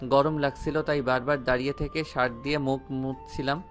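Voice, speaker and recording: A man's voice: medium pitch, little pitch movement, a little fast, faint music behind, natural voice. A man voicing a cheeky young male student who teases his family playfully. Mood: teasing. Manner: playful teasing.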